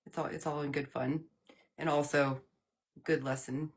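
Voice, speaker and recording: A woman's voice: low voice, little pitch movement, moderate pace, husky. A woman channeling the male god Apollo in a live interview, talking in a loose, jokey way with laughs between phrases. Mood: reflective. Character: playful trickster sun god Apollo, male, cheerful and upbeat.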